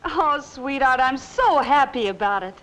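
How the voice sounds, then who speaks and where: A woman's voice: high voice, lively intonation, measured pace, a bit bright, low-quality recording. A woman playing an adoring, eager young bride-to-be, gushing sweetly in 1940s screwball comedy banter.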